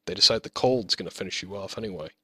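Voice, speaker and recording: A man's voice: low voice, fast talker, sharp tone, husky, no echo, heavily acted. A man voicing a big fifteen-year-old bully boy who taunts and mocks in an audiobook. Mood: mocking. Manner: mocking, taunting.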